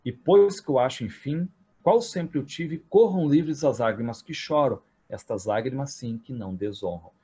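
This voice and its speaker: A man's voice: mid-range voice, normal speed, dark tone, slightly rough. A man reading verse as a proud, blind old warrior father, declaiming it solemnly. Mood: tender.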